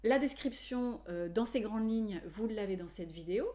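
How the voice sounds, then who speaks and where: A woman numerology coach explaining to viewers in a measured way, with frequent hesitations. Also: mid-range voice, lively intonation, warm tone. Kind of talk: explanatory video talk to viewers.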